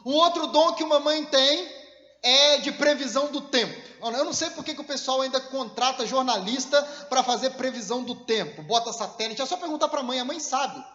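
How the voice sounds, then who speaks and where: A man's voice: extremely high pitch, a little fast, bright, forceful tone. A man preaching a sermon as pastor, mixing humorous everyday anecdotes with earnest appeals in a conversational tone. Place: church hall. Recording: echoey, slightly dull church hall recording.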